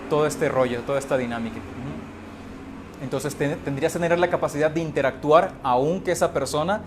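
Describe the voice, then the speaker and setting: A man's voice: a little high, a little hiss or hum. A man giving an informal talk on psychology, speaking emphatically and constantly checking in with rhetorical questions. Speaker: speaker on emotional health.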